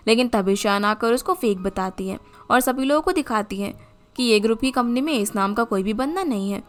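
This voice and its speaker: A woman retelling the plot of a drama series as a scripted narration, in an even storytelling manner. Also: a little high. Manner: steady retelling of plot in the third person.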